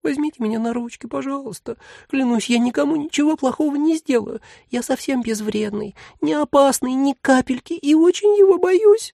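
A squeaky, scared little demon. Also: male voice, expressive, moderate pace, gravelly, dark tone, dry recording, clean studio sound, full character voice. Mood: pleading. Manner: whiny, pleading, squeaky. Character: small frightened male demon cloud, pleading.

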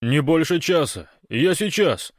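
A man voicing a big, excitable man who jabbers hurriedly over a radio, raised and loud, in a dry recording. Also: medium pitch, slow, no room sound, pitched above the performer's own voice. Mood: flustered.

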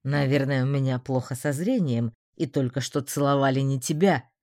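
A woman reading an audiobook voices a stern, sarcastic male magister in a lowered, cutting tone. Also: normal speed, a little mellow, no echo, clean studio sound. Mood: cold, sarcastic. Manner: cold, cutting, commanding.

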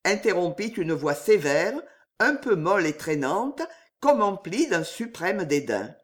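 A reader narrating an audiobook in a slow, expressive storytelling manner. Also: medium pitch.

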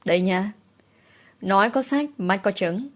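A woman voicing a spiteful, quarrelsome female co-worker who yells and accuses in a storybook reading. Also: mid-range voice, unhurried, close to an everyday voice. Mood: accusing. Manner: accusing, yelling.

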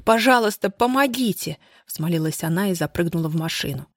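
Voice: medium pitch, brisk, no echo, studio quality, natural voice. A narrator voicing a frightened young woman who has fled an attacker, calling out breathlessly and pleading. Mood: desperate.

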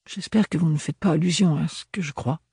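A man's voice: high-pitched, normal speed, husky, no room sound, studio quality, voice pushed up. A man doing an indignant young woman. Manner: sharp, indignant. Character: exasperated young woman in glasses.

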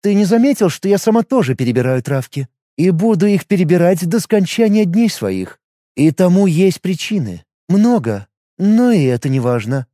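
A brisk, secretive healer woman who gives orders and keeps her own counsel, in an audiobook, voiced by a male narrator. The voice is pushed up high and moves lively and expressively, over a mellow, dark grain. The recording is close and dry. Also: no echo. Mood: insistent.

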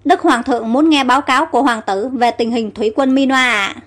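A woman's voice: high-pitched, fairly quick. A woman voicing a dutiful male soldier with a formal, reporting manner in a storybook reading.

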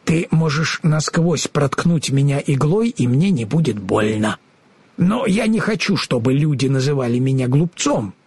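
A good-natured scarecrow stuffed with straw, who stumbles over sounds and blurts the wrong words, as a man puts him on. His voice sits high and bounces around, with a husky edge. It is close and dry. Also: very animated, moderate pace, a little mellow, no room sound, heavily acted. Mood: trusting. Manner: stammering, mixing up words. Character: kind, naive talking scarecrow stuffed with straw. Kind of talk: audiobook character voice.

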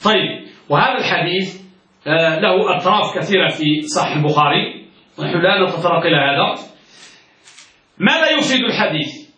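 High, bright-voiced man teaching in an echoey room. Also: lively intonation, a little fast, long pauses, recorded from a distance, muffled recording. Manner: asks students questions and answers them himself, repeats key words. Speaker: sheikh teaching hadith. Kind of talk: classroom lesson.

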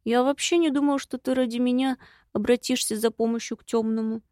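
A woman's voice: a little high, steady tone, a little fast, a little mellow, no echo, studio quality, close to an everyday voice. Woman doing a grumbling eared imp. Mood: glum.

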